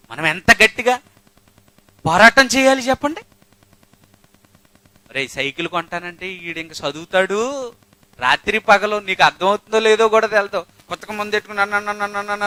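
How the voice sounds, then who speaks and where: A male pastor preaching a lively sermon into a microphone, firing off rhetorical questions and swinging between loud exhortation and quiet asides. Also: sits high, no room sound, poor audio. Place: church. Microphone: handheld microphone.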